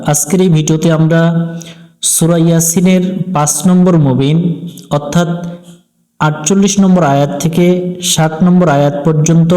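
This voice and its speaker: A man teaching Quran recitation, breaking the verses into syllables and stretching the recited words slowly. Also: a little high, mellow, low-quality recording. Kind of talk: slow Quran recitation lesson.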